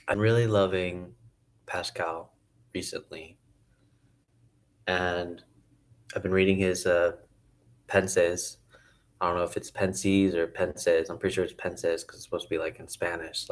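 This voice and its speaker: A man musing casually to camera about philosophy, hesitant and thinking aloud with many pauses and restarts. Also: low voice, little pitch movement. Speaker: video essayist.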